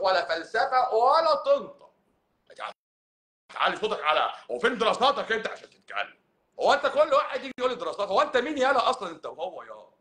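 A middle-aged man with an Egyptian Arabic accent, a doctor talking in a casual, sarcastic live-stream monologue. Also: a little high. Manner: sarcastic, mocking, animated.

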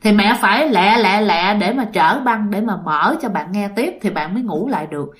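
A woman's voice: medium pitch, animated, moderate pace. A woman narrating a ghost story in a chatty way, speaking directly to her listeners.

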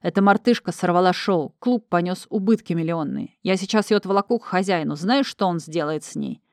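A woman's voice: lowish voice, a little fast, no echo, clean studio sound, lightly acted. A woman doing a growling burly bouncer. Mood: menacing. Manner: growling, threatening. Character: gruff burly male nightclub bouncer.

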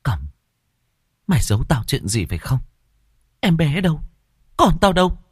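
A man's voice: high-pitched, lively intonation, moderate pace, no echo, clean studio sound, voice pushed up. Man doing a raised, frantic young mother, urgent. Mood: demanding. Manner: urgent, demanding. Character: young mother, desperate, panicked.

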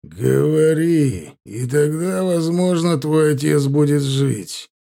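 Man voicing a slow, menacing bandit chief. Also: a little high, expressive, creaky, warm tone, pitched above the performer's own voice, full character voice. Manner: slow, hissing threats.

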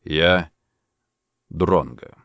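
Man doing a quiet, cold secret agent. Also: low voice, dry recording, pitched below the performer's own voice, heavily acted. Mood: calm menace. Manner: quiet, deliberate, measured. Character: calm cold clever male secret agent.

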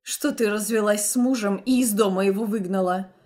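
A woman's voice: medium pitch, a little fast, a little mellow, natural voice. A woman voicing a stern middle-aged mother who speaks in a cold, reproachful tone in a storybook reading.

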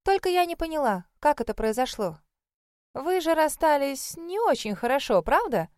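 A woman's voice: high voice, sing-song, normal speed, darkish tone, no echo, studio quality, voice pushed up. A woman voicing a curious, eager younger sister. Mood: nosy.

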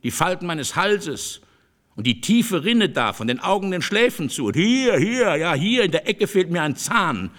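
Man voicing an aging male seducer, bitter, declaiming, lively swings in pitch, grim and insistent. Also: unhurried, full character voice. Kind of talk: audiobook character reading.

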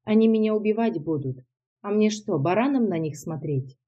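A woman voicing a desperate, rough man who speaks in blunt, urgent outbursts in an audiobook. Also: medium pitch, lively intonation, normal speed, dull audio, close to an everyday voice. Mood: defiant.

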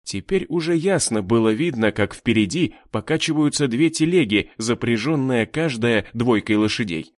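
A man narrating an adventure story in an animated storytelling manner. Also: mid-range voice, moderate pace, few pauses, no room sound, clean studio sound. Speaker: audiobook narrator. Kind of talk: scripted narration.

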